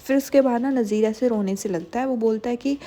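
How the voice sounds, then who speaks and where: A woman's voice: on the high side, a little fast, warm tone. Chatty young woman recapping a drama. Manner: chatty, filler-heavy retelling with quoted dialogue. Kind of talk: casual storytelling recap.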